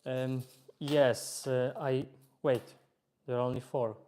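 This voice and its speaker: Relaxed Polish-accented man on a live stream. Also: mid-range voice, slow, a little hiss or hum. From Poland. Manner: relaxed, chatty, reads chat aloud, hesitant fillers. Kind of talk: casual live-stream chat while playing.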